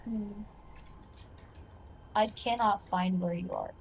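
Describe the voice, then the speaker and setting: A woman's voice: mid-range voice, fairly even intonation, slow pace, a little hiss or hum, poor audio. A young adult woman on a voice call, chatting and rambling as a guest on a friend's game stream, giggling often. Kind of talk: casual gaming stream chat.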